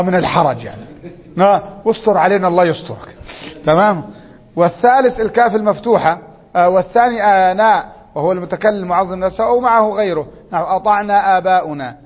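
A man's voice: high-pitched, long reverb tail, dull audio. A man with an Egyptian accent teaching a grammar lesson, prompting students with questions and reading rules aloud. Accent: Egyptian Arabic.

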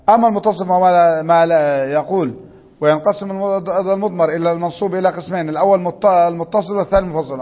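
A man's voice: high-pitched, in a large hall, dull audio. A man with an Egyptian accent teaching a grammar lesson, prompting students with questions and reading rules aloud. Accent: Egyptian Arabic.

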